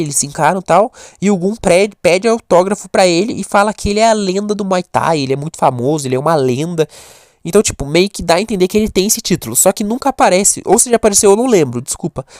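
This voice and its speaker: A man's voice: high-pitched, darkish tone, no echo, clean studio sound. A young man from Brazil, giving rambling casual commentary full of fillers and restarts. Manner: rambling, self-correcting, lots of fillers. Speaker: commentator on webtoon characters. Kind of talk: casual talking-head commentary.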